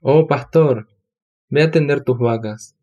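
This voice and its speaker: A man's voice: medium pitch, measured pace, warm tone, muffled recording, lightly acted. A man voicing a grieving blind old hermit in a storybook reading, plaintive and brusque. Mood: lamenting.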